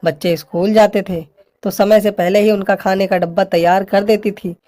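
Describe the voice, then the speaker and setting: A woman's voice: mid-range voice, fairly even intonation, normal speed, dark tone, natural voice. A woman playing a bossy, complaining older mother-in-law who scolds her daughter-in-law. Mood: scolding.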